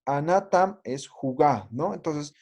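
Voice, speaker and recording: In a classroom lesson, a man teaches a language with patience, often using tag questions to check that his students follow. His voice is on the high side and animated, slow-paced, with a darkish tone.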